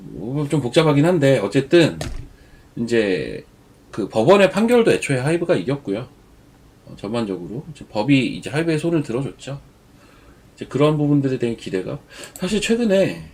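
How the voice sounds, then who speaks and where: On a live stream, the show's regular market commentator chats casually about stocks despite having a cold, wandering off into anecdotes from his own life. He speaks on the high side with a darkish tone.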